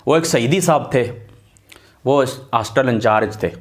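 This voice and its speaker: A middle-aged man from Pakistan, an Islamic scholar, telling stories from his student days in an earnest, animated way, swearing oaths that he is telling the truth. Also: medium pitch. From Pakistan, Attock area. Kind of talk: casual storytelling talk.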